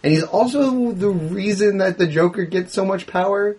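Man, husky voice, fairly high, animated, argumentative, casual movie chat. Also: normal speed.

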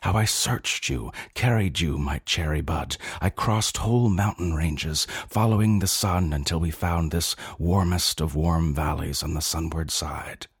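Male storyteller, very low husky voice, intense and brooding, dry studio read. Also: measured pace, hardly any pauses, no room sound. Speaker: narrator. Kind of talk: dramatic story reading.

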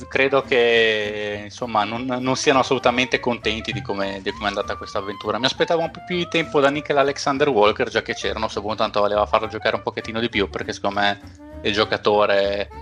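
A man's voice: on the low side, fairly bright tone. A man co-hosting a basketball podcast, talking in a casual, hesitant way with many restarts. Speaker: podcast co-host.

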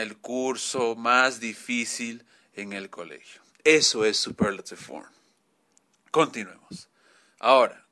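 A male teacher walks through a grammar lesson at an unhurried pace. His voice is bright and forceful. He repeats points and checks in with his class often. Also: mid-range voice. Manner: explains slowly, repeats "¿ok?" often. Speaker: English teacher.

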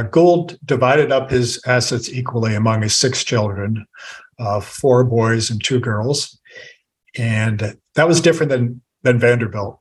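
Man, husky voice, author guest, measured storytelling, podcast interview. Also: medium pitch, low-quality recording.

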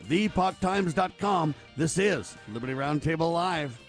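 A man's voice: fairly high pitch, animated, moderate pace, faint music behind. A man with an American accent hosting political talk radio, delivering emphatic, urgent and earnest commentary.

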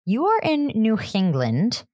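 Lively, swooping, sarcastic woman podcaster. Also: on the high side, unhurried. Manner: playfully sarcastic, slangy, swears. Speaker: podcast co-host. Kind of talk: casual banter.

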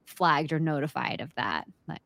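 A woman's voice: low-pitched, expressive, moderate pace, gravelly, fairly bright tone, dry recording. Blunt, chatty woman in her forties. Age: 40s. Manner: candid, blunt and chatty, often laughing. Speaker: podcast host. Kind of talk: casual interview chat.

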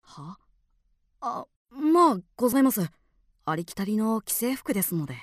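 An actress playing a polite, deferential clothing shop clerk in a radio drama, hesitant and slightly puzzled. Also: female voice, on the high side, sing-song, moderate pace, dry recording, clean studio sound.

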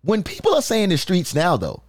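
A man hosting a casual podcast chat, asking questions in an animated way with frequent restarts. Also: high-pitched, normal speed, no room sound. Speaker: podcast host.

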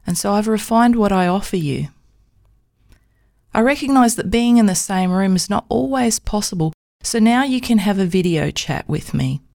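A woman, a psychotherapist and podcast host, reading a scripted narration in a calm, measured storytelling way. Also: mid-range voice, gravelly.

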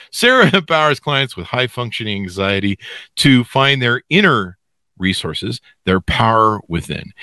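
An animated man hosts a podcast in a bright, forceful voice that cracks as if giving out. He rambles and jokes with theatrical exaggeration, his pitch swinging widely, recorded close and dry. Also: no echo. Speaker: podcast host. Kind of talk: animated off-the-cuff podcast intro.

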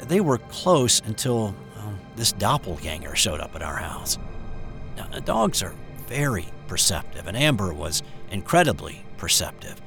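An older man telling his own eerie childhood story in the first person, hesitant and hushed, with small restarts. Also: on the low side, sing-song, unhurried, vocal fry, soft background music. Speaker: narrator of a true eerie story.

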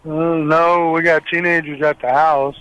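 A middle-aged man calling in to an advice show over the phone, talking in a plain, halting, matter-of-fact way. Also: fairly high pitch, level tone, a bit bright, clean tone. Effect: heard over the phone. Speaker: caller. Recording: dull dry phone line.

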